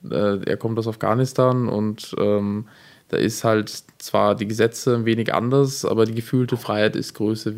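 A man's voice: fairly low pitch, gravelly, a little mellow. A teenage boy hosting a youth radio discussion, hesitant with many fillers. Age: teens. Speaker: host.

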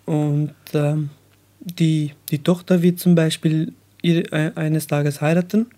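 A nineteen-year-old man from Afghanistan, a radio guest, speaking slowly and searching for words with many fillers. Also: a little high, flat delivery, dark tone. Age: young adult. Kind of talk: radio interview.

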